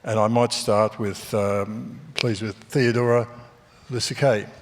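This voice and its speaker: A man, a former newspaper editor, moderating a panel discussion on a theatre stage and speaking in a measured way with frequent ums and uhs. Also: fairly low pitch, flat delivery. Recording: theatre hall reverb.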